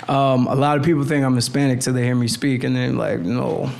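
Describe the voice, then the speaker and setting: A young man telling stories in a relaxed podcast chat, full of slang and restarts, at a boom mic in a small studio room. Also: brisk, gravelly, a little hiss or hum. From Navy brat, born in the Philippines, lived in Miami. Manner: animated storyteller with frequent restarts and slang. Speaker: podcast guest, clothing designer. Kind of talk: casual podcast conversation. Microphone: boom mic on arm at the table.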